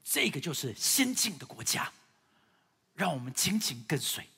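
A man preaching a sermon as a pastor in with a tinge, husky and emphatic, with halting, repetitive phrasing. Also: on the high side, big pitch swings. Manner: emphatic, swinging from loud exhortation to quieter asides; halting, repetitive phrasing with occasional English words. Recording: long hall reverb.

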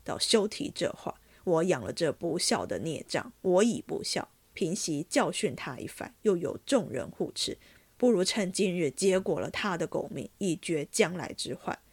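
A woman's voice: fairly low pitch, expressive, moderate pace, breathy edge, no room sound. A woman doing a furious stern old father. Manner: harsh, barking commands.

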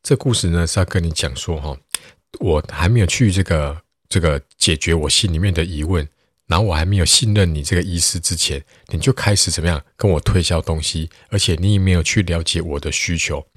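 A man's voice: sits low, a little fast, breathy edge, no room sound, clean studio sound. A man, a teacher hosting a podcast who talks in a chatty way with many fillers. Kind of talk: casual podcast talk.

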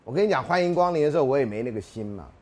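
This man's voice is medium in pitch and racing as he, a university lecturer, tells classroom anecdotes. He's an animated storyteller who acts out the dialogue and keeps throwing in rhetorical questions.

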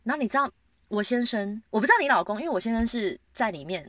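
A woman co-hosting a casual podcast chat, telling a lively story and acting out the quotes. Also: quick pace, dry recording. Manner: lively storytelling, acts out quotes with big pitch jumps. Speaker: podcast co-host.

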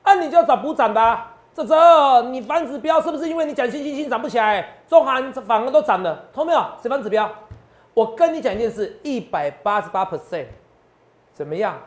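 A man's voice: very high-pitched, expressive, fairly quick. A man, working as a stock market analyst and giving boastful finance talk show commentary full of rhetorical questions.

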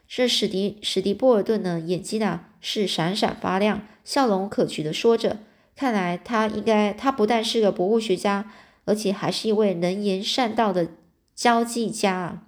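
A woman's voice: mid-range voice, moderate pace. Woman storyteller, casual read-aloud, chatty, explains words to listeners.

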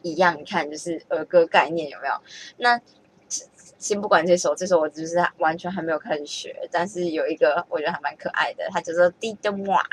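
A woman's voice: fairly low pitch, a little fast, a little hiss or hum. A woman chatting casually as she thinks aloud, often correcting herself and laughing at her own mistakes. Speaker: vlogger learning French.

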